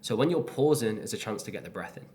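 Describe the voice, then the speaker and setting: A man explains sales techniques in a plain, casual teaching style. His voice sits a little low, and he speaks brisk and matter-of-fact with deliberate pauses. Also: lively intonation, warm tone. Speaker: sales coach. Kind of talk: instructional talk to camera.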